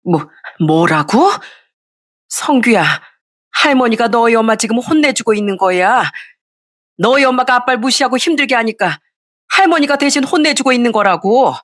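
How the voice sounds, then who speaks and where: A woman's voice: fairly high pitch, lively intonation, normal speed, voice pushed up. A woman voicing a domineering older mother-in-law who scolds her daughter-in-law harshly, in an audio story reading. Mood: flustered.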